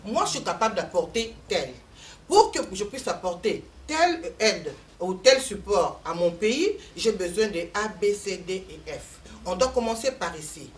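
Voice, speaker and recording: An invited speaker from Congo addresses a community meeting in a methodical, explanatory, measured talk. Her mid-range voice is very animated and moves at normal speed, picked up by a distant mic with faint room noise.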